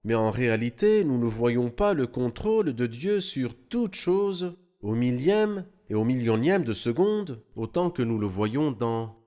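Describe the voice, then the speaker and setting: A man explaining Bible passages in an animated, teaching manner during a studio discussion. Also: medium pitch, unhurried.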